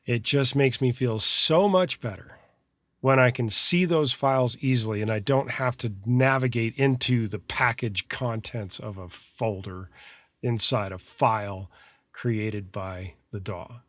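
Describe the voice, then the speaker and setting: A man's voice: mid-range voice, a little slow, fairly bright tone, no room sound. A man co-hosting a podcast about mixing, talking casually with dry, sarcastic asides about being fussy with his files. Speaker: podcast co-host, mixing engineer. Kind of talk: casual chat. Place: studio.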